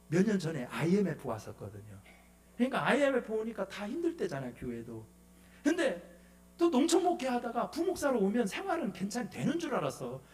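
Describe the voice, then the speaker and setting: A middle-aged man preaching a revival sermon as guest pastor, telling a personal story and acting out the voices in it. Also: high-pitched. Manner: animated storytelling, acts out God's rebuke.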